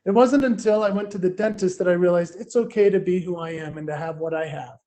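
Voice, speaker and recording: A man giving a playful, energetic motivational keynote full of personal stories. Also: high-pitched, quick pace. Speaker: keynote speaker.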